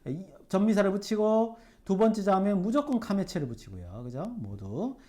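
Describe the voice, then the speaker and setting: A man teaching Hebrew grammar at a whiteboard. He sounds out syllables slowly, keeps checking in with his students with quick rhetorical questions, and fills pauses with "예" and "어". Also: sits high, big pitch swings, mellow. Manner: frequent "예" and "어" fillers. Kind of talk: whiteboard lecture. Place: classroom at a whiteboard.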